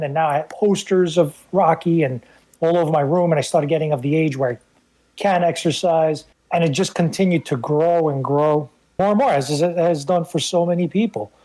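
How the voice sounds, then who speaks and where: A man in his fifties from the Bronx, New York, in the United States, guest co-hosts a film podcast and tells personal stories casually. He is a native Italian speaker with a New York accent. His warm voice is fairly high-pitched at a moderate pace, and the recording is rough.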